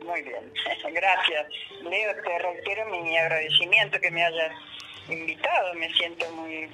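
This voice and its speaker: Una mujer con acento rioplatense, invitada a un programa de radio, habla por una llamada telefónica entrecortada que se corta y vuelve; su tono es cortés y agradecido. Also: female voice, fairly low pitch, a little slow, bright, forceful tone. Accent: Rioplatense Spanish. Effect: choppy, breaking-up phone call. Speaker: guest on a radio show. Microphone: telephone. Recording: cutting-out phone line with crowd noise.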